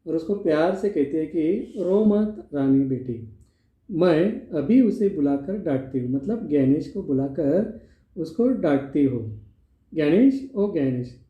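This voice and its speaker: A man's voice: on the high side, lively intonation, unhurried. A male teacher explaining a play line by line in a classroom lesson, asking and answering his own questions. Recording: echoey room, phone-like sound.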